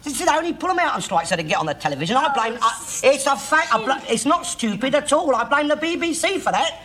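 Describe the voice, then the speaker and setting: An actor playing a loudmouthed, bigoted, middle-aged working-class man, ranting and swearing in a Cockney accent. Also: extremely high pitch, big pitch swings, fast talker, a crowd in the background, full character voice. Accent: London Cockney. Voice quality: loud, ranting, swears constantly, tag questions. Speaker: sitcom lead character. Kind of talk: 1960s TV sitcom acting. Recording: noisy old TV soundtrack.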